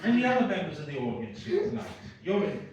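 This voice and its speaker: A man's voice: on the high side, very animated, quick pace, lo-fi sound, background noise. Echoey Welsh stand-up man, Swansea accent. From Swansea, Wales. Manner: rambling, self-deprecating, sweary. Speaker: stand-up comedian. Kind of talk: stand-up comedy with audience banter. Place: live comedy venue with small audience. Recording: very echoey room, distant mic.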